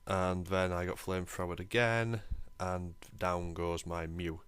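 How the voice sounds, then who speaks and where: A young man hosting his own channel gives casual voice-over commentary on his game, chatty, self-deprecating, and lightly excitable. His very low voice is smooth and unhurried, recorded close and dry with no room sound.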